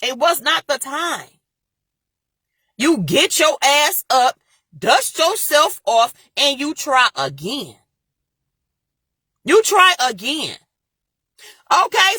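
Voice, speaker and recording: In a dry, studio-quality recording, a young woman's high-pitched, bright voice carries real force. She's a motivational vlogger delivering an impassioned, preachy talk, repeating phrases and addressing her viewers directly.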